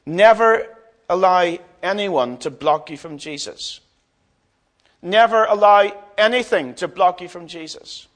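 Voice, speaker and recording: Male preacher, high voice, dramatic and emphatic, keeps repeating lines to hammer them home. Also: unhurried, fairly bright tone. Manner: addresses listeners directly. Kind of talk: sermon.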